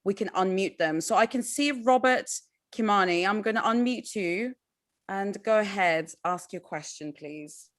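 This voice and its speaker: A woman with a medium-pitched, slightly bright voice speaks a little slowly while hosting an online award ceremony via video call. As MC she's upbeat and encouraging, calling the audience "guys."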